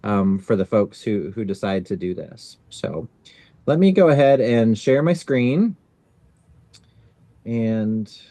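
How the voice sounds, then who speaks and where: A man hosting an orientation on a video call, explaining a new program in a relaxed way with many fillers. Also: fairly low pitch, slow, pauses often, no room sound. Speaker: synod staff leading a video-call orientation.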